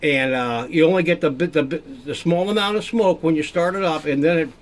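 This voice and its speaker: An older man with an Arkansas accent explaining his hands-on tinkering in a casual, folksy way, restarting his sentences as he goes. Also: a little fast. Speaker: tinkerer demonstrating his modified heater. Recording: noisy vehicle-like rumble behind voice.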